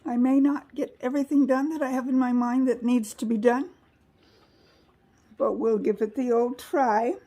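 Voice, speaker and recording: A woman's voice: fairly high pitch, steady tone, moderate pace, mellow, rough recording. A woman chatting casually in a home vlog while sorting dried seed pods indoors, rambling and correcting herself as she goes. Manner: rambling, homey, self-correcting. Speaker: home gardening vlogger. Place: indoor plant room with newspaper on carpet. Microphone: camera mic set up nearby.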